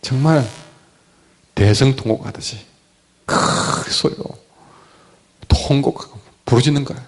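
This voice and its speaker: A man preaching a sermon as a pastor, with a sore throat, swinging between loud cries and hushed words. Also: medium pitch, unhurried.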